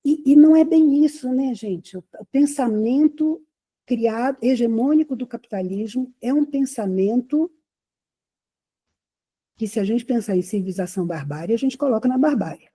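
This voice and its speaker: A woman from Rio de Janeiro, Brazil, delivers a conversational lecture to an audience at a moderate pace. Her fairly high voice is very dark and mellow with a husky edge, and she speaks expressively, regularly checking in through rhetorical questions.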